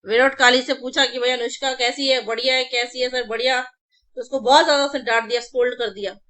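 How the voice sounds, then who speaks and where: In an online exam-prep class, a woman teaching vocabulary chants word lists again and again and explains memory tricks in casual Hindi mixed with English, talking to her students familiarly. Her voice is high-pitched and a bit bright, with fairly even intonation and a fairly quick pace.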